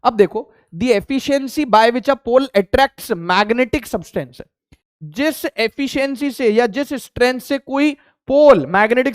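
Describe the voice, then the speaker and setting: A man's voice: extremely high pitch, clear, resonant tone, no room sound, clean studio sound. A male physics teacher giving a casual classroom lecture in Hindi mixed with English, asking questions and then answering them himself. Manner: voices a student's replies to himself.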